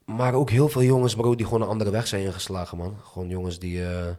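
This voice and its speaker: A young man with a low voice talks candidly in an interview. His speech is full of urban Dutch street slang, loose and conversational. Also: steady tone, quick pace, warm tone. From moved to the Netherlands from abroad as a child. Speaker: interview guest. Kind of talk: casual, candid interview chat.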